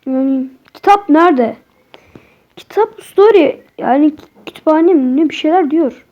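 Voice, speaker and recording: A young woman, a native Turkish speaker, gives excitable, chatty horror game commentary to her viewers, cursing at the game as she plays. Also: high voice, normal speed, muffled recording. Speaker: gaming streamer.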